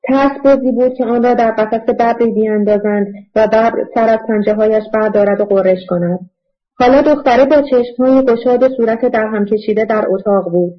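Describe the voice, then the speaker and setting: A woman reading a novel aloud in steady, measured scripted narration, in a dull lo-fi audiobook recording. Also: on the high side.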